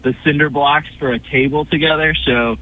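A man's voice: fairly high pitch, fairly even intonation, normal speed. A man calling in to a radio show over speakerphone, laid-back, throwing "dude" into his talk. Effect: speakerphone over a phone line. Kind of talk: casual chat. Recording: tinny speakerphone phone line.

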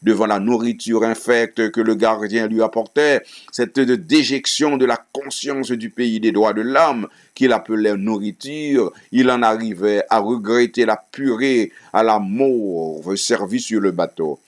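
A man's voice: on the low side, a little slow, few pauses. A man reading a novel aloud, stumbling and restarting words now and then. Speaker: reader.

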